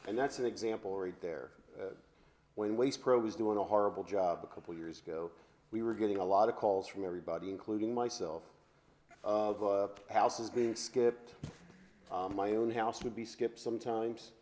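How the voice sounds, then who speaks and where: A man's voice: fairly low pitch, normal speed, darkish tone, a little hiss or hum. A man on a city council responding to public comments in a plainspoken, defensive way.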